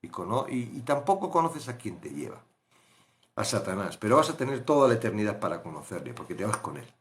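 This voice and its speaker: A man teaching a live Bible study, fervent, dropping to hushed and rising loud. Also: fairly low pitch, sing-song, fairly quick. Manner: fervent, acts out quotes, swings loud to hushed.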